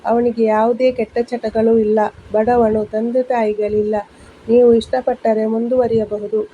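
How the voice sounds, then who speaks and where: A woman voicing a calm, helpful male neighbor in a storybook reading, speaking in a matter-of-fact way. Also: a little high, measured pace, lightly acted. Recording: dull lo-fi with faint hiss.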